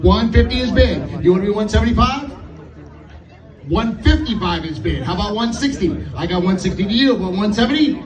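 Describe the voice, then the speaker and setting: A man working as an auctioneer, calling bids in a chant of repeated numbers and filler syllables. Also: high-pitched. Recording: echoey, distant mic with music behind.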